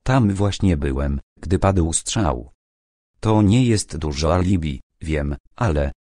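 A man reading the part of Dr. Swan, a nervous, defensive middle-aged man, in a low steady voice. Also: slow pace, no echo, studio quality, full character voice. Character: doktor Swan, nerwowy mężczyzna w średnim wieku.

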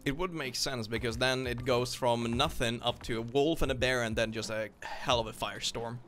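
A man's voice: mid-range voice, fairly even intonation, moderate pace, a bit bright, faint music behind. A Swedish man chatting playfully while gaming with a friend, giggling often. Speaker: co-op gaming streamer. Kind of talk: casual gameplay chat.

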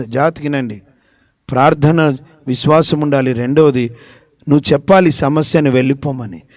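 A man's voice: on the high side, no room sound. A man with a Telugu accent preaching a sermon, emphatic, repeating phrases and asking his listeners questions. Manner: acts out short prayers and dialogues in his own voice. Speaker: pastor.

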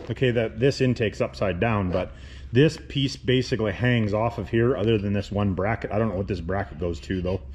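A man with a lowish, slightly mellow voice talks casually through a workshop repair, rambling and correcting himself as he goes, with a little hiss or hum on the audio. He's a welder and channel host, plain-spoken, giving a how-to in a cluttered workshop garage.

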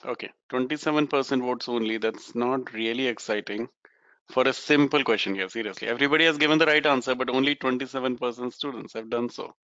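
A man's voice: mid-range voice, fast talker, bright, forceful tone, no room sound, dull audio. A man with an Indian accent teaching an informal online lesson, conversational and encouraging, mixing Hindi into his English. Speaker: physics teacher. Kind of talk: informal online lesson, explaining problems to students. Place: indoors, online class over webcam.

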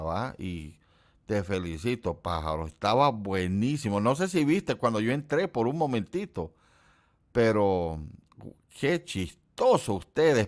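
A chatty man hosts a livestream, talking casually with his live viewers. He jokes around, teases his chat, and quotes people in a put-on high voice.

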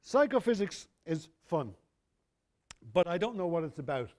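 Man, middle-aged, university lecture, wry conversational tone, somewhat high-pitched. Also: very animated, normal speed, a little mellow. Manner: wry, conversational, self-correcting.

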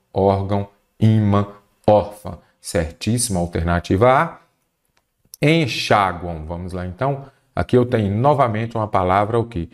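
Low-voiced man teaching grammar. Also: darkish tone. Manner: explanatory, asks and answers own questions; stretches key terms slowly for emphasis. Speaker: Portuguese teacher. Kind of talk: exam-prep grammar lesson.

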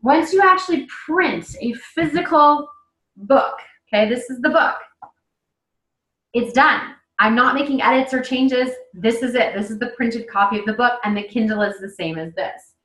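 This woman in her thirties is an author and native English speaker, giving a relaxed webinar lesson through the webcam mic on a video call in an echoey room. She talks at a moderate pace in a fairly high, slightly bright voice, loosely, with plenty of fillers and restarts.

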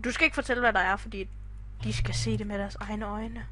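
A woman's voice: mid-range voice, fairly even intonation, a crowd in the background. A young woman chatting casually while playing a game with a friend, laughing often. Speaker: channel owner, gamer. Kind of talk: casual gaming chat.

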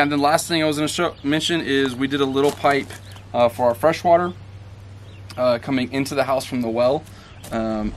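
A man in his thirties talks through his home-build plumbing outdoors at a country building site, explaining each part step by step in an easygoing way, with frequent ums and uhs. His voice sits at an ordinary middle pitch. Faint outdoor noise hums behind him. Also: fairly bright tone. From Tennessee. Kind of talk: casual how-to walkthrough.

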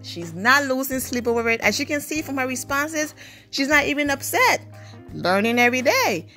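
A woman's voice: high-pitched, sing-song, normal speed, sharp tone, soft background music. A woman vlogger giving casual, opinionated gossip commentary and reading viewer comments aloud.

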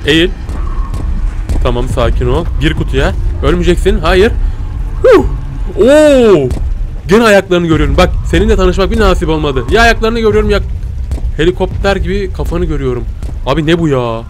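Male gaming YouTuber, slightly high voice, jumpy and excitable, casual commentary, tense whispers to sudden yelps. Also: fast talker, a little hiss or hum. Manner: talks to viewers as "pisicikler". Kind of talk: casual Let's Play commentary.

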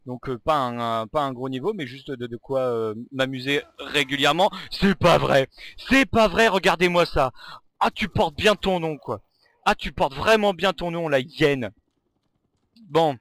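A man giving live commentary while playing a video game. He rambles, stumbles over his words and breaks into excited outbursts at the game. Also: medium pitch, moderate pace, dry recording. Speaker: gamer and channel host.

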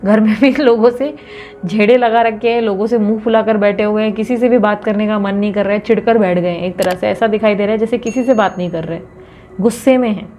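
A woman's voice: medium pitch, fairly even intonation, brisk, dark tone, faint music behind. A woman reading tarot for her viewers in a chatty, teasing way, often acting out quoted lines. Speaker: tarot reader.

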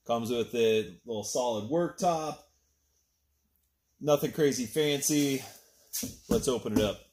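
A woodworker in his thirties unboxes and reviews a tool chest in an indoor workshop lined with shelving and lumber, chatting in a relaxed, unscripted vlog style and sometimes muttering to himself as he works. His mid-range voice has a darkish tone and a measured pace. A phone camera records him, first at arm's length and then from a few feet away, picking up background noise, clicks and handling sounds.

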